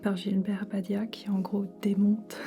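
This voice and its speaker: A woman whispers softly, as if in a library, in a casual ASMR style. Her voice is breathy and mellow, staying very even in pitch. She talks informally, with music playing behind her. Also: measured pace. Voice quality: soft, breathy unvoiced whisper. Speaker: ASMR creator.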